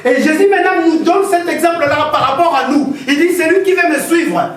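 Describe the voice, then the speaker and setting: A man with a very high, slightly bright voice, talking a little fast, preaches a sermon as pastor in a church hall. He's impassioned and repetitive, telling stories to the congregation, and the recording is very echoey with a distant mic.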